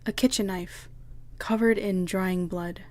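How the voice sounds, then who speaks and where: A woman's voice: mid-range voice, fairly even intonation, a little mellow, dry recording. Woman streamer reading game text aloud. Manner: measured reading, answers chat in quick asides.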